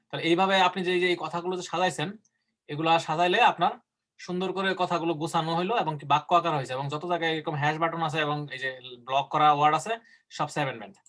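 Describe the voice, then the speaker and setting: A man with a fairly high voice teaches an online class. He explains at length and slows down carefully for English example sentences. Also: a bit bright. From Bangladesh. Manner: explains in Bengali, slowing down to model English sample answers. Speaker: IELTS teacher.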